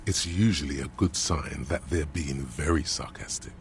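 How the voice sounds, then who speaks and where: A man voicing a grave, all-knowing game narrator who describes scenes slowly and solemnly. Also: a bass voice, a little hiss or hum.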